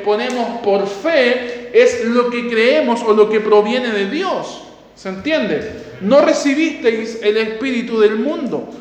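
A man preaching a sermon, asking his listeners questions, answering them himself and reading scripture aloud with repeated key words. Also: extremely high pitch. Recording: echoey hall with long reverb.

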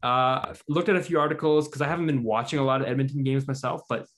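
A man's voice: mid-range voice, steady tone, fast, fairly bright tone. A man hosting a casual sports podcast, chatting loosely and rattling off stats. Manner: chatty, reads out stats and quotes. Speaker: podcast host.

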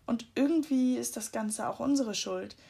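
A calm, secretive middle-aged man from a storybook, as a woman reader plays him, speaking in a quiet, solemn way. The voice has a gravelly fry. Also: fairly high pitch, normal speed.

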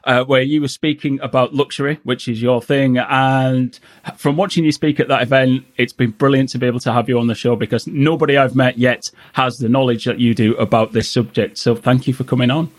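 A man's voice: mid-range voice, steady tone, a little fast. A man with a Yorkshire accent, talking casually and self-deprecatingly as a podcast host. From Yorkshire, England. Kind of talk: casual chat.

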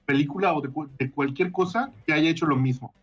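A man in a casual chat among friends, talking quickly, rambling and laughing often. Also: fairly high pitch, husky, dull audio. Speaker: podcast co-host. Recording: distant from the mic, faint music behind.

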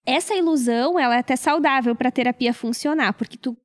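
A woman who is a psychologist, calmly explaining how therapy works in casual chat. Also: sits high, fast talker. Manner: calm, explanatory.

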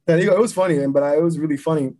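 A young man telling army stories in a casual podcast chat, slangy and animated, mixing Spanish and English. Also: a little high, rapid-fire. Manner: animated storyteller, slangy and swearing. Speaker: podcast guest, army veteran.

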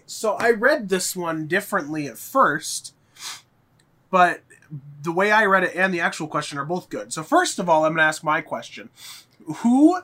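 A playful man in a loose group conversation, his voice swinging high and low. The tone is bright and edged, slightly higher than most men. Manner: playful, jokey, quick reactions. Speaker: podcast co-host. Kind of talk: casual chat.

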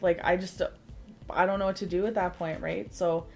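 A woman's voice: lowish voice, normal speed, vocal fry, soft background music. A woman in her thirties casually telling a rambling story on a podcast, full of "like" fillers. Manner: rambling, lots of "like" fillers, animated retelling. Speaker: podcast co-host.

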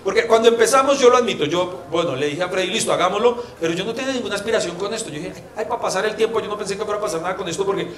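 On a casual comedy podcast, a Colombian man co-hosts in a voice that sits high, talking very fast with few pauses. He tells stories and mimics his friend teasingly. Audience laughter fills the roomy sound.

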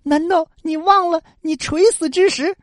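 A woman's voice: extremely high pitch, fairly even intonation, moderate pace, dry recording, studio quality, pitched above the performer's own voice. A woman telling a folk tale, voicing a devoted, wronged young ferrywoman wife with impassioned speech. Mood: bitter.

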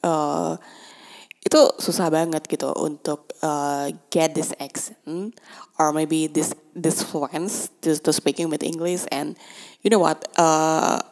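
The audio is poor, and the woman's low, level voice moves slowly with a darkish tone. A native Indonesian speaker, she gives a casual monologue in halting English, using lots of fillers and restarts, laughing often, and shifting between Indonesian and English within sentences.

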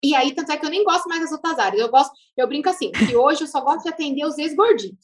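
A woman with a Brazilian Portuguese accent, a speech therapist telling her own story as a guest in a casual interview, chatty and lively, laughing now and then. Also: high-pitched, very fast.

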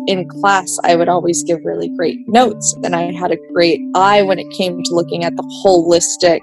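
This rough recording carries a woman's lowish voice as she shares personal stories on a podcast, reflective and casual, with plenty of fillers. Originally a Vietnamese speaker, she lives in New Mexico, USA, and soft music plays behind her.

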